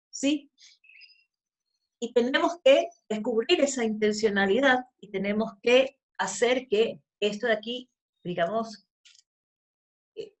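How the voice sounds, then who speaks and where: Female law lecturer, emphatic, repeats herself, higher-pitched voice. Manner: emphatic, repeats key phrases, frequent tag questions.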